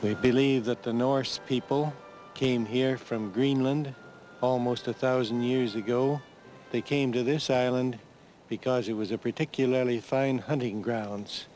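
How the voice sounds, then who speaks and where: A man's voice: medium pitch, fairly even intonation, measured pace, a little mellow, faint music behind, poor audio. A man, an archaeologist, explaining outdoor field sites in an earnest, explanatory way. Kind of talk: on-site documentary explanation.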